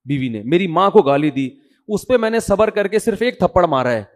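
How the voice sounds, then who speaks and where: A man's voice: sits high, animated. A middle-aged man, preaching in a chatty storytelling way and mimicking the people he quotes. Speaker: religious preacher. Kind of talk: sermon.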